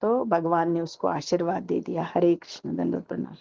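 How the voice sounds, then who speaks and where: A woman retelling a scripture story in a halting, casual way, with many restarts and voiced dialogue. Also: fairly low pitch, steady tone, creaky, dark tone. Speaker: devotee telling a scripture story. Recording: dull lo-fi audio.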